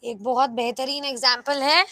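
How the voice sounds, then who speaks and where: A young woman teaching an online exam-prep class in a lively, coaxing way, often asking her students rhetorical questions. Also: high-pitched, moderate pace, no echo. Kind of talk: live online class, Hindi mixed with English.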